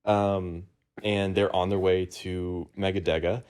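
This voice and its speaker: A man's voice: low-pitched, little pitch movement, slow, a little mellow, clean tone. A man hosting a casual podcast, rambling through a movie plot recap with lots of ums and uhs among friends. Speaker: podcast host.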